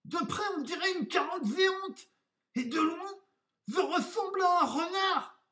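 Fussy vain storybook wolf, male, squealing high, loud dramatic outbursts, mic a bit far off. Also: expressive, measured pace, heavily acted. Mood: outraged.

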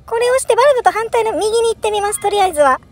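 A woman's voice: extremely high pitch, expressive, very fast, vocal fry. A woman streaming a first play of a horror puzzle game, thinking aloud and crying out in alarm with repeated exclamations.

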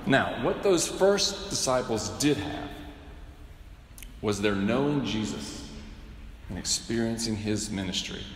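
A middle-aged man preaching a sermon from a cathedral pulpit, measured and wryly humorous, often asking rhetorical questions. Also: fairly low pitch, lively intonation, slight background noise. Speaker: bishop preaching. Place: large cathedral, indoors. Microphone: pulpit microphone. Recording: echoey cathedral with long reverb.

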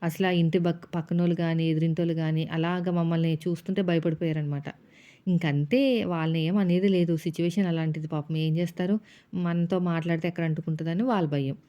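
A woman's voice: on the low side, steady tone, a little fast, dark tone. A woman, a housewife vlogger, chatting casually as she narrates her day and retells family arguments. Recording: dull lo-fi sound.

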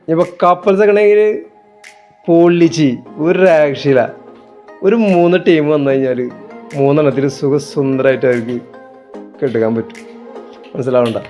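High-pitched man chatting casually. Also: normal speed, pauses often, darkish tone, dull audio. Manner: mixes English words into Malayalam. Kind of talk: casual vlog chat. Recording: music under the voice.

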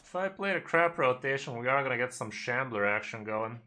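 A man's voice: mid-range voice, lively intonation, a little fast, sharp tone, a little hiss or hum. A man in his thirties giving casual, laid-back live game commentary, slangy and muttering to himself, on a home streaming mic. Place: small indoor room at home.

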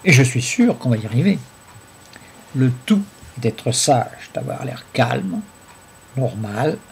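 A man's voice: medium pitch, sing-song, takes it slowly, vocal fry, a little hiss or hum, exaggerated voice. A man voicing a skinny, cunning, scheming grown man in a read-aloud story, sly and sneering. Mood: calculating.

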